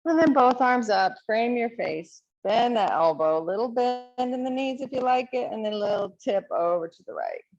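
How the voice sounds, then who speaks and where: Female yoga teacher, calm encouraging cues, some vocal fry, muffled recording. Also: on the high side, normal speed, hardly any pauses, soft background music. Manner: calm, encouraging cueing of poses. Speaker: yoga instructor. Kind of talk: guided yoga class instruction.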